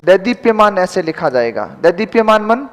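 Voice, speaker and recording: A man's voice: sits high, very animated, normal speed, a bit bright. A man teaching a Hindi grammar class, dictating spelling corrections word by word and quizzing his students, whom he calls "beta". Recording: long reverb in a classroom.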